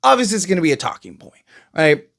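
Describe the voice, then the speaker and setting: A man's voice: on the high side, sing-song, quick pace, creaky, fairly bright tone. A man hosting his own channel, giving a rambling, exasperated opinion rant about basketball media, full of fillers and repeated questions. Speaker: channel host. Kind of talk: opinion commentary vlog.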